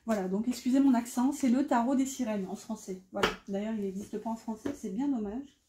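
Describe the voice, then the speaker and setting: A woman's voice: on the high side, a little fast, noisy background. Chatty woman in an echoey room. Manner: chatty, self-mocking, many fillers. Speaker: tarot reader. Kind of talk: casual tarot reading.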